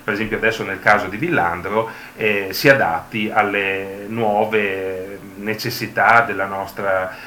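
Bright-voiced, hesitant man in an echoey room. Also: lowish voice, fairly even intonation, a little slow, hardly any pauses. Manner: hesitant, reflective, often seeks agreement with tags. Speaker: presenter at a book presentation. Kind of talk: discursive public talk. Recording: echoey room, faint ambient noise.

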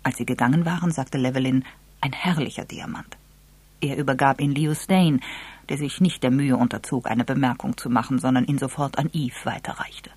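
A narrator reading a story aloud in an even, measured way. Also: medium pitch, slightly rough, no echo. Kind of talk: audiobook narration.

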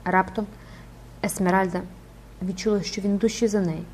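A woman's voice: mid-range voice, fairly even intonation, moderate pace, darkish tone. A woman narrating an audiobook dramatically and expressively, rising with the action.

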